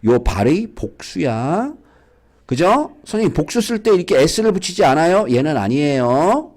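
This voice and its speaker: A man's voice: a little high, normal speed. A man teaching a basic English reading lesson to schoolchildren, coaxing them along with frequent questions. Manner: lively, coaxing, asks students questions. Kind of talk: lecture for school kids.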